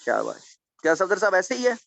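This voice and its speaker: A man's voice: high voice, sing-song, fast talker, vocal fry, a bit bright, dry recording. A male teacher giving a classroom lecture, questioning students and patiently repeating key points. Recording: dull dry recording.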